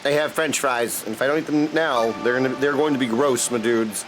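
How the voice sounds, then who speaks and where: A game livestreamer with a mid-range voice talks fairly quickly, goofing around with viewers in casual slang. The audio is poor, and game music plays behind him.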